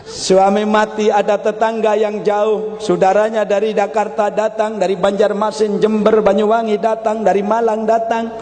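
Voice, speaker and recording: A middle-aged man preaches a humorous sermon, spinning stories and drawing out lists in a singsong cadence. His voice sits notably high for a man. It carries a long hall reverb over a faint background hiss. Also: level tone, darkish tone. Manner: storytelling, singsong drawn-out lists.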